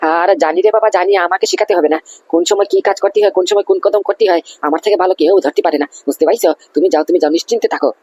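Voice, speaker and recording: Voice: medium pitch, racing, a little mellow, slightly rough. A performer voicing a boastful, scheming middle-aged man in a cartoon comedy, lecturing and asking "understand?" again and again. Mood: smug.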